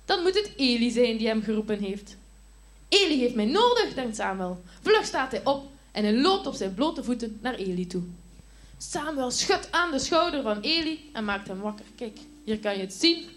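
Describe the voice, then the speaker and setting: A woman teaching children at church, telling a Bible story with lively expression and asking the kids questions. Her voice sits a little higher than most women's. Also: moderate pace.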